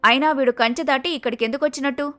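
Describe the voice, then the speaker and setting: A woman voicing a prejudiced young village woman who loudly scolds and accuses others, in a cartoon story. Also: high-pitched, steady tone, fast talker. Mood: accusing.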